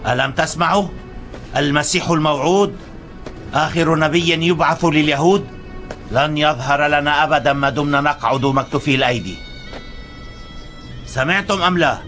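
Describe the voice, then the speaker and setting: A man's voice: on the high side, moderate pace, pauses often, fairly bright tone, faint music behind, close to an everyday voice. An actor playing a fervent Judean rebel preaching to his people in a dubbed historical drama. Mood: urgent, exhorting.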